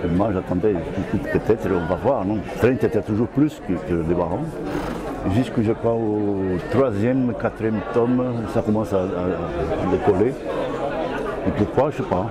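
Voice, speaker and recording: Older Brazilian man, halting French, crowd. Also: fairly low pitch. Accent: Brazilian Portuguese. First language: Portuguese. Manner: hesitant, searching for words, halting restarts. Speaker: comic book author. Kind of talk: interview answers.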